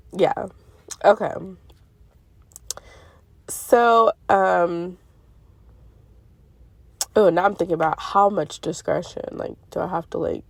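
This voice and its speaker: A middle-aged woman, a spiritual vlogger, talks about her dreams from her parked car in a rambling, chatty way, correcting herself and using plenty of fillers. Her congested voice has a fairly low pitch and a creaky quality. The recording is dry.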